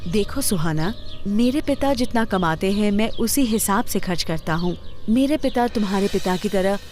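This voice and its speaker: A woman voicing a kind, patient poor young man in a storybook tale, speaking softly and earnestly. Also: medium pitch, animated, moderate pace, faint music behind, natural voice.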